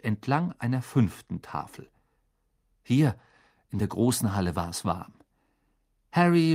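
Guy reading an audiobook, really lively and dramatic, voice goes up and down a lot. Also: mid-range voice. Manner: expressive, dramatic storytelling. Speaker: audiobook narrator. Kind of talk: scripted narration.

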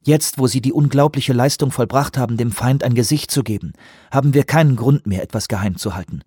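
A man voicing a controlled, insistent female commanding officer in a dry, husky-toned audiobook reading. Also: medium pitch, dark tone, no echo, pitched above the performer's own voice, lightly acted. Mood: urgent. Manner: insistent, measured pleading.

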